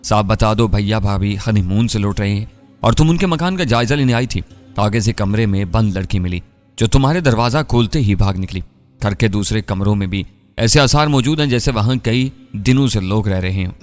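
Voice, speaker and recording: A man reading an audiobook voices a calm, teasing young woman who soothes and persuades. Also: on the low side, normal speed, faint music behind, natural voice. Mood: soothing.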